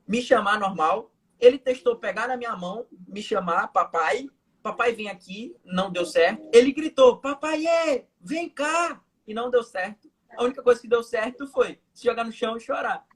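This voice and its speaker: A man's voice: very high voice, a little fast, husky. A young man with a Manaus Brazilian accent, a hypnotherapist guest telling everyday stories to explain his point in a casual live chat over a video call. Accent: Manaus Brazilian Portuguese. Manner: storytelling with everyday examples.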